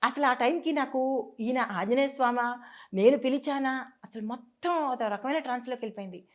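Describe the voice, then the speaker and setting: A woman guest telling a personal story in a conversation, earnest and halting, restarting and repeating herself. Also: high-pitched. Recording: dull lo-fi sound.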